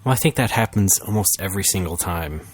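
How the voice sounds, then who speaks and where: A man's voice: low voice, animated, fast, husky, dry recording. A man co-hosting a podcast in casual chat, giving short replies and dry wisecracks. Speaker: podcast co-host.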